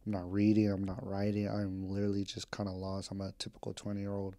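Quick and monotone, a mellow, lowish male voice carries a home podcast catch-up by a vlogger in his twenties. He's rambling and candid, jumping between topics and using slang plus the odd swear. The recording is dry.

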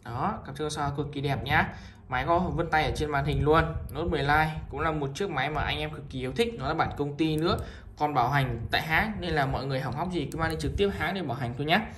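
A man with a northern Vietnamese accent gives an informal, repetitive sales pitch as a shop seller, presenting items one by one to viewers. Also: fast, fairly bright tone, a little hiss or hum. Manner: repetitive, item-by-item selling with frequent appeals to viewers.

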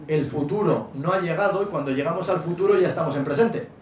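A middle-aged man, telling stories as an author guest in a relaxed, jokey way and acting out quotes. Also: on the high side, quick pace. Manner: animated, jokey, acts out quotes. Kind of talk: relaxed storytelling talk. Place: event hall before an audience. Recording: echoey venue, distant mic, faint noise.

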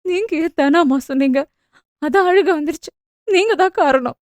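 A woman's voice: high-pitched, moderate pace, no room sound, studio quality, pitched above the performer's own voice, lightly acted. A woman voicing a young newlywed wife, teary and pouting, talking in a pleading, sulky way.

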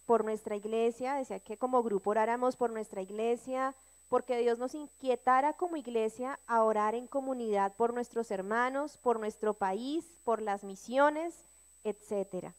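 A woman's voice: fairly high pitch, moderate pace. A woman sharing with her church prayer group, reading scripture aloud and speaking with earnest emphasis. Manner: earnest, rising to emphatic cries when reading.

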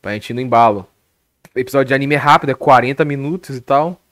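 Speaking quickly at medium pitch, a young Brazilian streamer rants animatedly into his headset while recounting a story, cursing nonstop. The recording is dry with clean studio sound, and his accent is Brazilian Portuguese.

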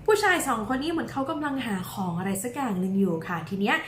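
A woman teaching young children, modelling words slowly for them to repeat and coaxing them along in a sing-song way. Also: on the high side, lively intonation, roomy sound, a little hiss or hum. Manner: slow, drawn-out modelling of words for repetition. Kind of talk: bilingual children's lesson.

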